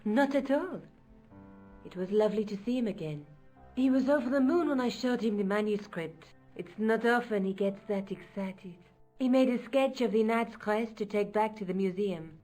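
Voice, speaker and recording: A woman's voice: mid-range voice, moderate pace, a little mellow, soft background music, lightly acted. An actress playing a clever, teasing young woman adventurer in a video game. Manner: playful, teasing.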